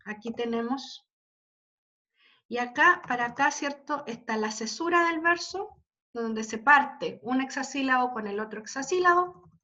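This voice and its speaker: A woman's voice: high-pitched, expressive, unhurried, bright, forceful tone. A woman teaching a literature class, patiently walking students through examples and checking in with them. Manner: checks in constantly with tag questions. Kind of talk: online class lecture. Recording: dull lo-fi audio.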